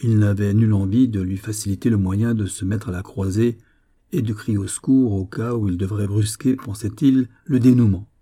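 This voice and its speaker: Dark-voiced male storyteller. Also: on the low side, fairly even intonation, moderate pace, breathy edge. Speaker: narrator. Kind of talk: audiobook story reading.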